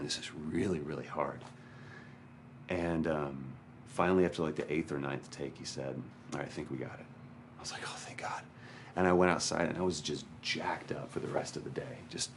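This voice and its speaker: A man's voice: rumbling low, background noise. A male actor in an interview, candidly and reflectively recounting a hard experience. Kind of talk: interview storytelling.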